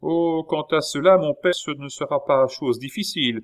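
Man doing a calm young lady in an audiobook, polite and restrained, voice lifted. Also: fairly high pitch, moderate pace, pitched above the performer's own voice, lightly acted. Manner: polite, restrained, soft-spoken. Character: composed young noblewoman, dutiful daughter. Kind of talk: audiobook character reading.

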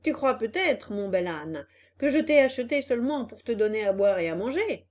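Lady putting on a loud bossy circus director guy, big swoopy voice. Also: sits high, sing-song, slow pace, voice pushed up, heavily acted. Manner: shouting, scolding. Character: gruff angry male circus director.

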